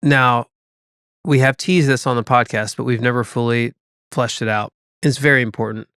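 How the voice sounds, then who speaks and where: A man co-hosting a podcast in casual chat, chatty and easygoing at a middle pitch. His voice is recorded dry and close, with no room sound. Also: fairly even intonation, moderate pace, fairly bright tone, smooth, dry recording. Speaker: podcast co-host.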